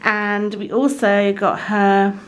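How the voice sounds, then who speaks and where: British woman beauty vlogger, medium pitch, chatty, laughs a lot. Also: flat delivery, takes it slowly, a little hiss or hum, poor audio. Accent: British English. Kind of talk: casual chat.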